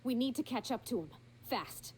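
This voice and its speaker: A woman's voice: fairly high pitch, lively intonation, moderate pace, a little mellow, slight background noise, natural voice. An actress playing an urgent, informal female companion in a video game.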